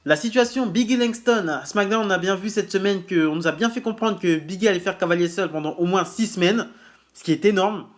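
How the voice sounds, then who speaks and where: A man hosting a casual wrestling news show, speaking bluntly with slang and pausing often with fillers and restarts. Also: high-pitched. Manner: hesitant, many filler pauses and restarts.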